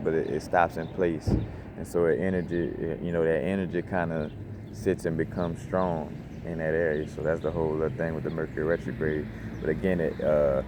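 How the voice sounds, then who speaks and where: Deep-voiced man, loose slangy spiritual talk. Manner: loose, rambling, slangy, lots of "you know what I'm saying". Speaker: crystal channel host. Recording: noisy background hum.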